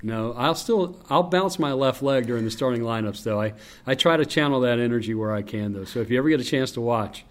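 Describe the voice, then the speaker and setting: Deep-voiced man, stadium announcer being interviewed, reflective storytelling, mid pitch. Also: fairly quick. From North Carolina. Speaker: public address announcer. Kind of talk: interview conversation.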